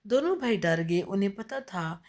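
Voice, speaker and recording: A woman narrating a story in an earnest, gently dramatic way. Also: mid-range voice, lively intonation.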